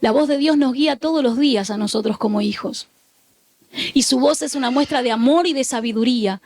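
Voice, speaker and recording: Middle-aged woman pastor, high voice, exhorting sermon with call-and-response repetition. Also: fairly quick. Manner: exhorting, repeats phrases for the congregation to echo; animated storytelling.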